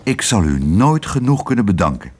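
A man's voice: fairly low pitch, very animated, normal speed, breathy edge. A man reading aloud, voicing a cheerful, grateful male cook and father.

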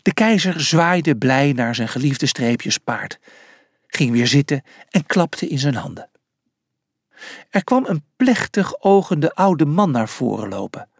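A man with a husky voice reads a children's storybook at a slow, unhurried pace. His pitch moves a lot as he tells the story. The recording is dry and close. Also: big pitch swings, no room sound. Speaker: narrator.

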